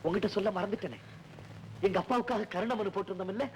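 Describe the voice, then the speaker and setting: A man's voice: high-pitched, a little hiss or hum, lightly acted, rough recording. An actor playing a grief-stricken young man mourning his doomed father, in a declamatory, emotional manner. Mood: grieving, anguished. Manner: declamatory, emotional, with long drawn-out pleading lines. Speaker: film actor. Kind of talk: 1960s Tamil film melodrama. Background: film score music.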